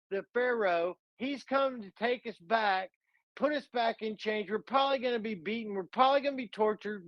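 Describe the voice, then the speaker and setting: A man's voice: very high voice, dry recording, dull audio, pitched above the performer's own voice. A man doing frantic, panicked fleeing Israelites. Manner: frantic, pleading. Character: panicked fleeing Israelite crowd, frightened people.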